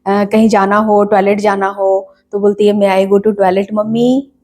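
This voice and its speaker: A woman playing a complaining, scolding mother in a comedy sketch, nagging in quick bursts. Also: medium pitch, level tone, a little mellow, close to an everyday voice.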